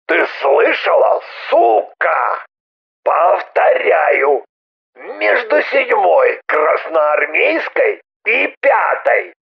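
A reader voicing a menacing male caller who taunts over the phone in a creaky, gravelly voice, heard through a muffled phone line. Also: high voice, full character voice. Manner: slow, drawn-out, insulting taunts. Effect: muffled phone-line sound. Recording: dull muffled lo-fi phone sound.

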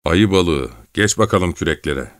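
A man's voice: low-pitched, expressive, measured pace, no echo, clean studio sound. A man playing a proud, hot-tempered vagabond. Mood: curt.

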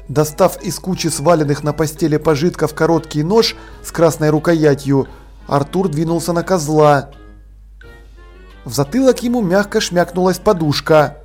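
A man with a high voice reads an audiobook in an even storytelling manner. Faint music runs under the reading. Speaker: audiobook reader. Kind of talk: scripted narration.

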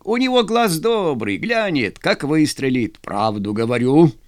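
A man's voice: fairly high pitch, big pitch swings, a little slow, pitched above the performer's own voice. A man doing a jovial old bearded Cossack sergeant. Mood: assured. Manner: folksy, drawling yarn-spinning.

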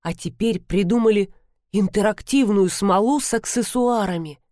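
A woman's voice: moderate pace, mellow, dry recording, studio quality. A woman narrating a first-person story as an audiobook, shifting her voice for the characters. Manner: voices characters with pitch jumps.

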